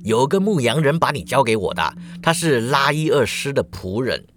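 A man's voice: medium pitch, very animated, normal speed, a bit bright, slight background noise. A man doing a shrewd, smiling messenger. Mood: insistent. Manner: knowing, insistent.

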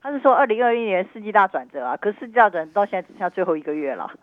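A woman's voice: mid-range voice, sing-song, rapid-fire, dry recording. A middle-aged woman with a Taiwanese Mandarin accent, an investment analyst giving emphatic, cautioning market commentary as a radio guest over a phone line. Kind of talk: live market commentary interview. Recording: narrow tinny phone line.

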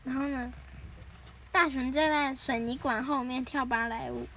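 A woman retelling cartoon stories as a podcast storyteller, chatty, with many fillers and pauses. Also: sits high, fairly even intonation, fairly bright tone, a little hiss or hum.

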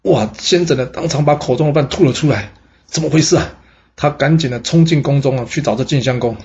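A male storyteller narrating history in a lively, exclamatory way with many drawn-out particles. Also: mid-range voice, muffled recording.

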